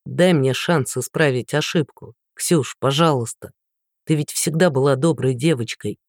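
A woman's voice: extremely low pitch, normal speed, a little mellow, no echo, clean studio sound. A woman voicing a remorseful young man who pleads earnestly and persistently. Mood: pleading.

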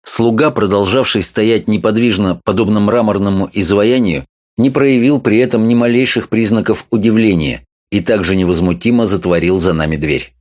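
A man reading a novel aloud as an audiobook narrator, expressive and literary. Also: fairly low pitch, normal speed. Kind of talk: scripted narration.

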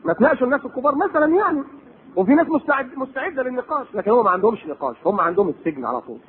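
A man's voice: extremely high pitch, big pitch swings, very fast, slight background noise. A man with an Egyptian accent giving a religious lecture, full of rhetorical questions and sarcastic asides. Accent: Egyptian Arabic. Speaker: preacher. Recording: tinny lo-fi tape recording.

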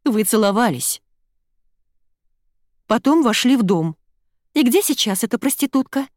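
A woman reading the part of a hurt, furious young woman who shouts accusations at her boyfriend. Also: sing-song, normal speed, no room sound, clean studio sound. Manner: shrill, raised, accusing.

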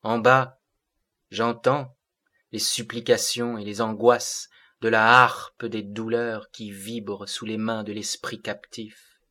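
A man's voice: on the low side, flat delivery, takes it slowly, pushed and bright, exaggerated voice. A man voicing a sorrowful, otherworldly seraphic being who speaks in solemn, lofty declamation.

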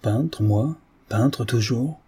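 A man's voice: mid-range voice, extremely slow, mellow, breathy edge, heavily acted. A man voicing a guilt-ridden painter who speaks with bitter, anguished self-reproach. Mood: overjoyed. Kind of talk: audiobook character reading.

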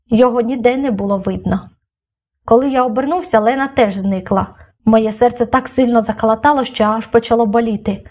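A woman reading a children's novel aloud as an audiobook, with steady storytelling delivery. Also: on the high side, a little fast. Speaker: audiobook reader. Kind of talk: scripted narration of a children's novel.

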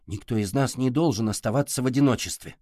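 A man voicing a calm, supportive boy who speaks steadily. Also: mid-range voice, fast, dry recording, studio quality, natural voice.

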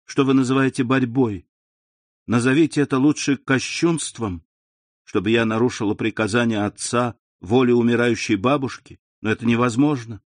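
A man's voice: medium pitch, normal speed, no room sound, close to an everyday voice. A man voicing a young woman torn by family duty, pleading in a raised voice. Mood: distressed.

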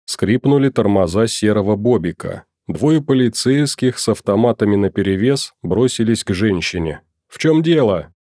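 A man reading an audiobook in an even, measured voice. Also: lowish voice, dry recording, studio quality. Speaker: narrator.

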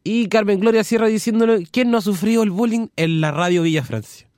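High-voiced Chilean radio co-host. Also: male voice, fairly quick, a little mellow, no echo, clean studio sound. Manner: reading listener messages aloud, stumbling and restarting. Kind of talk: casual late-night radio chat. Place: community radio studio.

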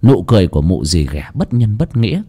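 A man's voice: on the low side, big pitch swings, fairly quick, mellow, slightly rough. A man narrating a village ghost story in a dramatic, suspenseful way.

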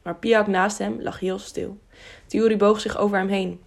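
Woman reading an audiobook, mid pitch, bit of vocal fry. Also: flat delivery, moderate pace. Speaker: audiobook narrator. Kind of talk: audiobook narration.

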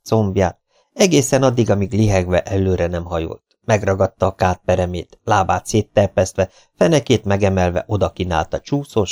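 A man reading a first-person story as an audiobook narrator, in a steady, measured way. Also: fairly low pitch, gravelly.

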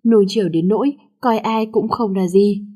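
A harsh middle-aged father scolds his daughter in a gruff, angry manner, as a woman reads him in a storybook. The voice stays mellow and dark in tone. There is no shouting and no strong change of voice. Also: mid-range voice, fairly even intonation, moderate pace, close to an everyday voice. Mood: scolding.

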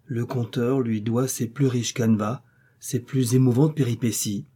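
A man reading an old moral tale aloud as a measured, literary narrator. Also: mid-range voice, fairly even intonation, warm tone, husky. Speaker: audiobook narrator. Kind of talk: scripted narration.

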